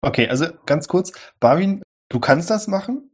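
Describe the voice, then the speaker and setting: A man narrating as game master of a tabletop role-playing game, calmly explaining rules and scenes with dry humor. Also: fairly high pitch, moderate pace, husky.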